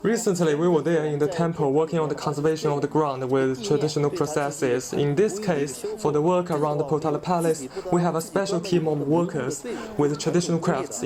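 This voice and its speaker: A man working as a conservator explains his team's work in plain, slightly halting interview answers. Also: fairly high pitch. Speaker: palace conservator.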